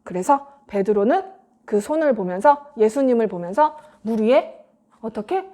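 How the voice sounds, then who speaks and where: A woman telling a Bible story to children in an animated, expressive way, often asking them questions. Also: a little high, normal speed. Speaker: children's ministry teacher.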